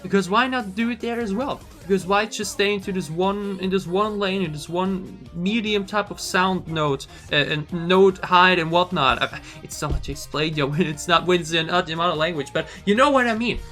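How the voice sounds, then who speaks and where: A man reviewing songs in an excited reaction video, talking emphatically with lots of slang while losing his voice a little. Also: sits high, normal speed, few pauses, faint music behind. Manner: enthusiastic, emphatic, says "y'all" and "freaking" often. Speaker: music reaction YouTuber.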